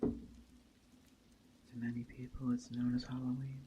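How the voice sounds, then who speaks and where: Whispering often, a man speaks softly and deliberately as a gentle pagan witch guiding a traveler through the meaning of a holiday, an ASMR roleplay delivered as a quiet monologue. His medium-pitched voice is completely flat. The audio is muffled and dull with faint ambient noise, set against soft sounds of rain and forest.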